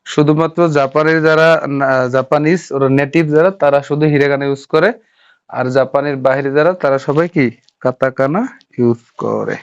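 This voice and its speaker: A man teaching a Japanese script class online, halting and repeating syllables as he writes and quizzes his students. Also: medium pitch, fairly even intonation, clear, resonant tone, no echo, lo-fi sound. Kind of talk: informal online class instruction. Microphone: online class audio.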